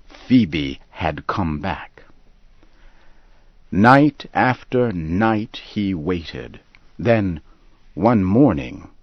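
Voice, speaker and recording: A man narrates a story slowly and calmly, each sentence measured and clear. His voice sits very low and unhurried, recorded close and dry, with a slightly muffled, dull sound. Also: no echo. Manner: calm and measured. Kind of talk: slow scripted story narration for learners.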